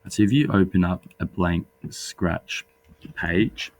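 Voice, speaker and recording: A man, husky and under the weather, patiently explaining a coding tutorial step by step as a teacher. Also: sits low, slow. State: sick with a cold. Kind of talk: screen-recorded coding tutorial.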